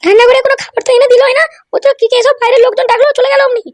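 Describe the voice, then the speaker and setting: A woman voicing a sweet, plaintive young wife in a cartoon, squeaky and complaining. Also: steady tone, very fast, a little mellow, dry recording.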